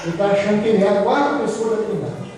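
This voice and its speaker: Male preacher, high voice, fiery rhetorical sermon, miked from afar in a church hall. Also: fast, darkish tone. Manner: impassioned, rhetorical questions to the congregation. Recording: echoey hall, distant mic, faint noise.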